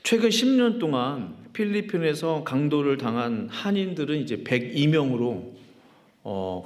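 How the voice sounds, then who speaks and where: A man pastor preaching a sermon. He reads scripture aloud and prays, then talks through his points in a conversational way with frequent pauses and fillers. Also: a little high. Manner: leads congregation in call-and-response, then reads scripture and prays. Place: church sanctuary. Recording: long hall reverb in church.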